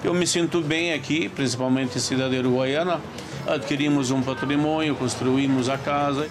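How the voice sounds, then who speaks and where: Older Palestinian-born man, calm and reflective. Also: medium pitch, normal speed, music in the background. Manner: calm, reflective and plain-spoken. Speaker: shop owner. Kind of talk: documentary interview. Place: his shop and home, indoors.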